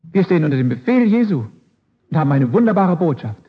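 Male preacher giving a sermon, emphatic and fairly high-pitched, muffled lo-fi sound. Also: very animated, quick pace, husky. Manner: emphatic, with rhetorical questions and repeated phrases. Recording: dull lo-fi recording.

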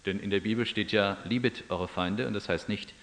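A man's voice: fairly low pitch, fairly even intonation, normal speed, a bit bright. A man preaching a sermon. He reads scripture aloud, then explains it in an everyday, musing tone.

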